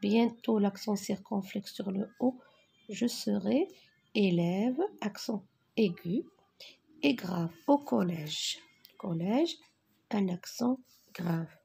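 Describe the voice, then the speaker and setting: A woman teacher going slowly through a spelling exercise, dictating words and naming each accent mark. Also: medium pitch, gravelly, warm tone, breathy edge. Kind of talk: worksheet correction lesson.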